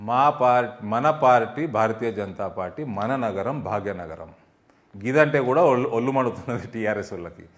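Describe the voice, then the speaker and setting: A man's voice: lowish voice, lively intonation, moderate pace. A man, a party spokesman answering in a heated political interview, scolding and sarcastic, firing rhetorical questions.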